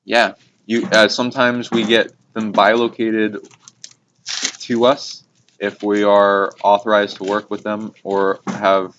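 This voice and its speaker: A host with a fairly low, slightly bright voice and little pitch movement explains esoteric spiritual ideas, rambling casually with hesitation and the odd swear word. The hobby recording is muffled, noisy and has clicks.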